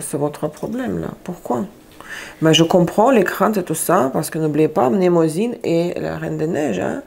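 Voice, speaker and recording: A woman's voice: on the low side, vocal fry, a little mellow. A woman giving a casual tarot reading, chatty, often searching for words and repeating herself. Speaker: tarot reader.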